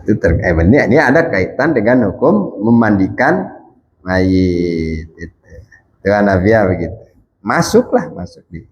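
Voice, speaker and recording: Man preaching with wide swings in pitch. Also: big pitch swings, dull audio. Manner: conversational, addresses men in the congregation as Pak; recites Arabic legal texts slowly. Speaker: ustadz. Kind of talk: sermon. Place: mosque.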